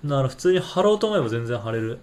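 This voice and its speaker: A man's voice: mid-range voice, big pitch swings, racing, a little mellow, slight background noise. A young man in casual chat, an easygoing listener who keeps replying with short agreement sounds. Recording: roomy echo.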